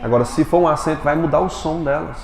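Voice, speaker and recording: A man's voice: on the high side, darkish tone. Brazilian male teacher in an echoey classroom. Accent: Brazilian Portuguese. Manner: quizzes students with quick questions. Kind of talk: classroom lecture. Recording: echoey classroom with long reverb, faint noise.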